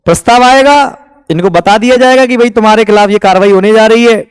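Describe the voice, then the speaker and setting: A man's voice: high voice, fast talker, clean tone, no echo, clean studio sound. A man from India, teaching an exam-prep lecture. He keeps asking the class questions and then answers them himself.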